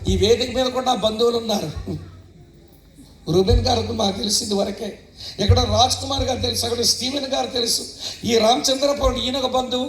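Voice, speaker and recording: A man's voice: very high voice, steady tone, brisk, fairly bright tone. A man preaching a testimony sermon as a pastor, telling his story with emphatic, storytelling delivery. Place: church meeting stage. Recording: roomy echoing hall.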